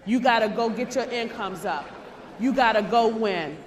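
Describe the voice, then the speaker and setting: A woman from Maryland giving a fervent motivational stage speech, preachy and rising to shouts. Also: fairly high pitch, normal speed, a little hiss or hum. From Maryland, USA. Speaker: motivational speaker. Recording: hall reverb.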